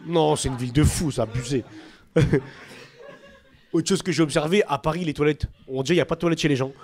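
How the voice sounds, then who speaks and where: High-voiced animated stand-up comedian man. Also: quick pace. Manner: animated, jumps into shouted impressions. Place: comedy club stage. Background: audience laughter.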